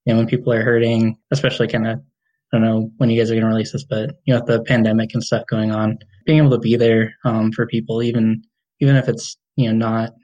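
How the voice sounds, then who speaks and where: A man chatting casually as a podcast guest, halting and rambling through his thoughts. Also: lowish voice, little pitch movement, a little mellow, dull audio. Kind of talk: casual chat.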